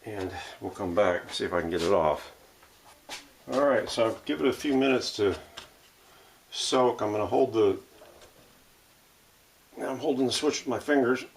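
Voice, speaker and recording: A vintage radio restorer hosts a workshop video from his home workshop, narrating casually step by step as he works and muttering his thoughts aloud. His voice is on the low side, his pace moderate with frequent pauses, and there is slight background noise.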